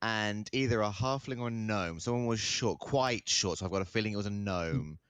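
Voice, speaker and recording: A man's voice: on the low side, brisk, fairly bright tone, clear, resonant tone, dry recording. A man chatting casually as a player in a tabletop role-playing game.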